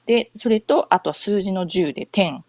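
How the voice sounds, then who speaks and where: Her voice sits in the mid-range, a little mellow and animated, at a moderate pace with no room sound. She's a middle-aged podcast host from Japan chatting casually at home in North America, wandering along with lots of fillers and corrections of herself.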